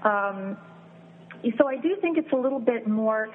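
A woman's voice: on the high side, expressive, a little hiss or hum. Woman appraiser over a tinny phone line. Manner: measured, explanatory, lists things step by step. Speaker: fine art and wine appraiser, guest. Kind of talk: interview answers.

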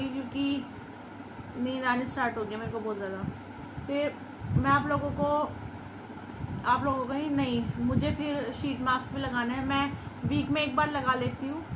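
This is a casual cooking vlog from a small home kitchen and living room, where a young woman in her twenties chats to the camera. She has a high-pitched voice, and background noise is present.

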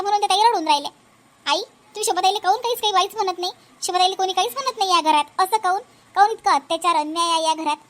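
A woman's voice: very high-pitched, a bit bright. A woman voicing an outspoken young daughter-in-law who asks demanding questions.

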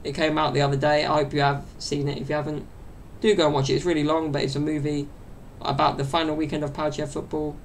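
A young man in his twenties talks fast, with few pauses and little pitch movement, on his solo podcast. His voice is high and gravelly, and he rambles chattily with constant fillers. He speaks into a desk mic off to the side in his small bedroom, where a little hiss or hum comes through.

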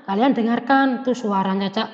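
A man's voice: high voice, brisk. A man teaching a children's language lesson, coaxing and sing-song, asking questions and answering them himself. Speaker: elementary school teacher. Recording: echoey, dull lo-fi recording.

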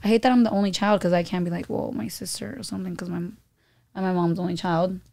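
A woman's voice: lowish voice, fairly even intonation, quick pace, gravelly, a little mellow. A woman in her twenties, a podcast guest chatting casually in a studio, telling stories with lots of fillers. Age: 20s. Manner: chatty, storytelling with many fillers. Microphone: studio mic on boom arm, headphones.

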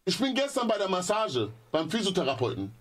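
A man's voice: sits high, a little fast. A man telling a story in casual chat, acting out phone calls and repeating himself. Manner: animated, repetitive, acts out phone calls.

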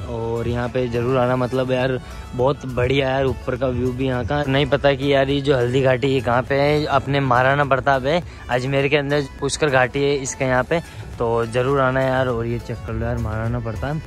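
A young man from India, motovlogging outdoors at night on a clip-on helmet mic, excitable and full of repeated catchphrases. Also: mid-range voice. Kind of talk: casual vlog narration. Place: outdoors at night, on a motorbike and walking a lit hilltop park. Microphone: clip-on mic under helmet.

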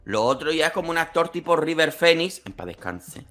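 Man, host, casual chat, joking, swearing, fairly high voice, lively pitch. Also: a little fast.

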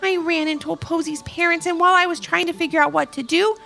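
A woman voicing a sweet, kind little female gnome who speaks gently and anxiously. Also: very high-pitched, steady tone, fast talker, creaky, faint music behind, pitched above the performer's own voice, full character voice. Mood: worried.

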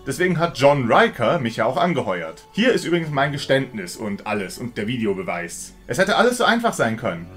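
A man's voice: medium pitch, very animated, brisk, hardly any pauses, fairly bright tone, soft background music. A man reading out a smug, mocking female killer in an audiobook-style story. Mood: gloating. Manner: smug, mocking, coolly theatrical. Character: cold scheming female killer, gloating.

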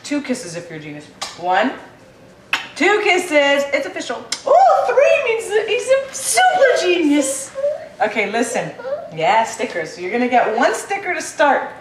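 Woman, mother, sing-song coaxing, lively swooping pitch, home camcorder audio, echoey room, faint hiss. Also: unhurried. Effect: home camcorder recording. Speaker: mother filming her toddler. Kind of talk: home video, coaxing a toddler through letters. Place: indoors at home. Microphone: built-in camera microphone.

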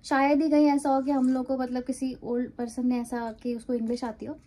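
A woman's voice: high voice, flat delivery, brisk, dark tone. A young woman chatting casually to her phone camera, telling travel stories with frequent laughs, first in a car and then in a hotel room. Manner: chatty storytelling, laughs often. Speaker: travel vlogger. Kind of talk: casual vlog chat to camera. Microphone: phone camera at arm's length.

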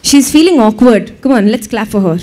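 At an event venue with a live audience, a woman emcee hosts a live cultural show, bantering with and teasing the crowd. Her voice is fairly high and brisk, and her manner is lively.

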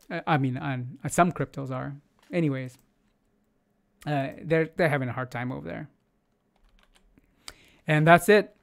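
His fairly high voice has vocal fry yet sounds clear and resonant as he loosely hosts screen-share market news commentary from a home studio, close to the mic. He's in his forties, English isn't his first language, and he uses lots of fillers and restarts.

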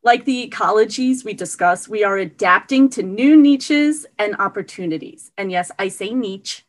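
Woman, award recipient, prepared acceptance speech on a video call, earnest, middle pitch. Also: moderate pace, poor audio.

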